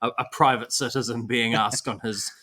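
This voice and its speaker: A man co-hosting a podcast, measured and careful as he frames questions. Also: mid-range voice, steady tone, sharp tone. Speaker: podcast co-host. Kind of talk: casual podcast chat.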